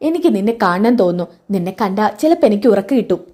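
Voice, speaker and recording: Give me a woman playing a pushy young man, quick and pleading. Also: mid-range voice, big pitch swings, warm tone. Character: young man, obsessive lovesick husband.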